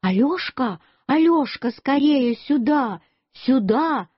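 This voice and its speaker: A woman voicing a fretful, excitable young mother in a storybook reading. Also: a little high, unhurried, husky, no echo. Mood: anxious. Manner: anxious, exclaiming. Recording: dull lo-fi dry recording.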